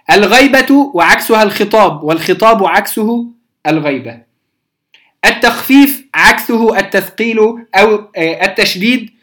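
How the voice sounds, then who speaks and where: A teacher walks beginners through recitation rules in a measured, patient way. Key terms come back again and again, with small hesitations along the way. Every so often the teacher stops to ask the class whether it is clear. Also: medium pitch, bright, forceful tone. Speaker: teacher of Quranic readings. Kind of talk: beginner lesson explaining rules.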